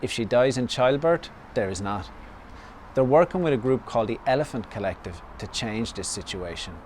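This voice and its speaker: An Irish man hosts and narrates a vlog in a medium-pitched voice. There is faint outdoor noise behind him. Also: expressive, moderate pace, darkish tone.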